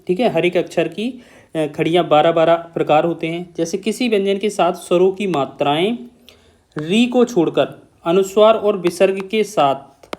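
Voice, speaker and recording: A man's voice: high voice, a little mellow. A man teaching an exam-prep grammar lesson, explaining step by step, repeating key terms and often checking in with his students.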